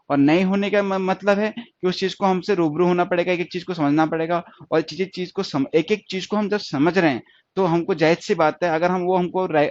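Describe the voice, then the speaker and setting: A man's voice: on the high side, no room sound. Man teaching shorthand, dull dry recording. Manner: explains step by step, repeating each point with checking questions. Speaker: stenography teacher. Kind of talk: classroom lesson.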